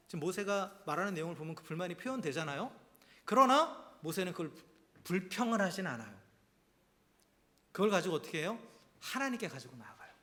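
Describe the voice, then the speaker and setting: A man preaching a Sunday sermon in church, talking conversationally and often checking in with his congregation. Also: high-pitched. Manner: swings between emphatic and hushed, near-whispered delivery. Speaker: pastor. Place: church during a Sunday service.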